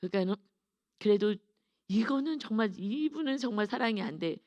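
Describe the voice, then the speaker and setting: A woman's voice: mid-range voice, animated, fairly quick, a little mellow, no echo. A middle-aged woman pastor giving an earnest, confessional dawn sermon with emphatic stresses.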